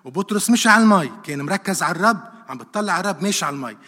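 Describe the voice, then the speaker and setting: Animated preacher in a hall. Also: male voice, high-pitched, racing. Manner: animated, rhetorical questions, repeats verses for emphasis. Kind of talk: sermon. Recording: long hall reverb.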